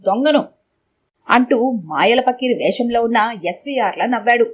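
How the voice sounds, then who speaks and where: A woman narrating a comic audio story in a lively storytelling manner. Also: on the high side, brisk, slightly rough.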